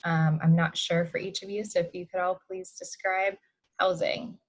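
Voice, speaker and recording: A woman's voice: lowish voice, little pitch movement, moderate pace. A woman hosting an interview, prompting the guests in a friendly, upbeat way.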